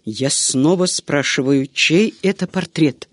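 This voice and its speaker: A man's voice: on the high side, slow pace, dry recording, studio quality. A man doing a menacing, impatient monk. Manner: curt, demanding, threatening.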